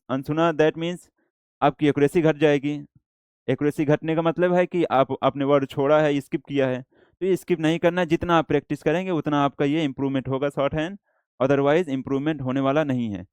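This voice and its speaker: A man with an Indian accent teaching a shorthand class, explaining slowly and repeating himself, mixing English words into Hindi. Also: a little high, darkish tone, smooth, no room sound. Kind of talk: classroom lecture.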